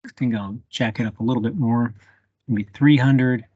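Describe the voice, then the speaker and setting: A man's voice: mid-range voice, moderate pace, warm tone, dry recording, dull audio. A man leading a live bee identification workshop over a video call, thinking aloud with fillers as he works a microscope. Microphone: computer mic on a video call.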